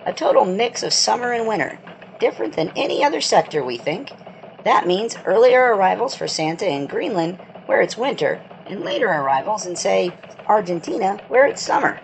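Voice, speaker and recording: An eager elf field reporter, voiced by a woman reports in from the field for a holiday radio newscast. Her voice moves lively up and down and has a gravelly edge of vocal fry. A faint hiss sits under the recording. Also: medium pitch, rough recording. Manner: brisk, excited reporting. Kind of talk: mock radio news report.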